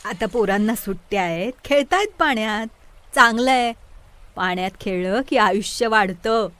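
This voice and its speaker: A woman's voice: mid-range voice, normal speed, a bit bright, clean tone, soft background music, natural voice. A woman voicing a grumbling older village woman who nags at boys splashing in the river, read as part of an audiobook story. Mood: indulgent. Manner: scolding, nagging. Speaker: co-reader voicing village women.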